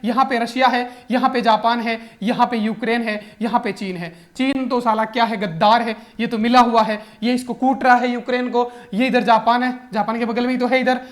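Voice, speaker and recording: A man, teaching exam current affairs through jokey mnemonics in an animated, playful way. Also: very high voice, brisk, few pauses. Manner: animated and joking, keeps calling the viewer brother. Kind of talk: comic mnemonic lesson.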